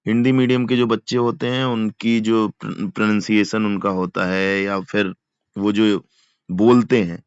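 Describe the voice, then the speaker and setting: Male teacher, mid-pitched, explains patiently for exam prep, dull dry lo-fi recording. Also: little pitch movement, a little slow, smooth, dry recording. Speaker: English teacher. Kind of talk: exam-prep grammar lesson.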